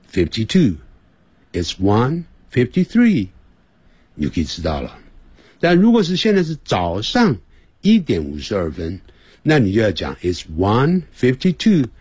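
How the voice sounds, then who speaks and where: Husky, animated male radio English teacher. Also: medium pitch, dry recording. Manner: explains patiently, repeats and slowly models English phrases. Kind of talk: radio language lesson. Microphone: studio microphone.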